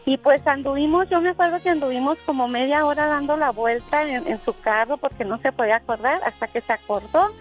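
A woman's voice: high voice, fairly quick, few pauses, highs cut off, faint music behind. A woman calling in to a radio show, telling a rambling anecdote. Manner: chatty, rambling storyteller with restarts. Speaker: caller. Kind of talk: telling an anecdote on a phone call.

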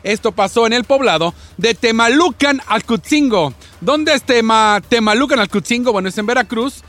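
A man with a very high, bouncy voice reads news stories and banters with his co-hosts, teasing and quick to cut them off. His tone is bright and sharp, recorded dry and close with faint music underneath. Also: animated. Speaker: news reader on a comedy panel. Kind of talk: playful news reading and banter.

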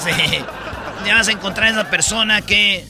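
A man's voice: high-pitched, steady tone, normal speed, over music, a crowd in the background. A man with a Mexican Spanish accent telling jokes as a radio comedy host, switching into character voices. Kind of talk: joke-telling comedy show.

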